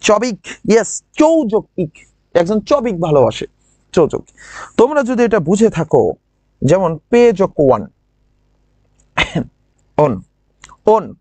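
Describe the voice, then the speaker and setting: A man with a regional Bangladeshi lilt teaching a grammar class online. He drills words by saying them slowly again and again and keeps asking his students questions. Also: high voice, darkish tone, dry recording. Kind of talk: online admission-prep class.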